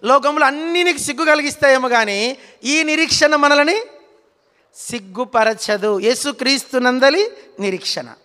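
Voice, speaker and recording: A man's voice: very high-pitched, expressive, moderate pace, pushed and bright. A man in his forties preaching a sermon in a church hall, urging the congregation to repeat lines and telling humorous stories. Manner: storytelling with humor and rhetorical questions. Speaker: pastor.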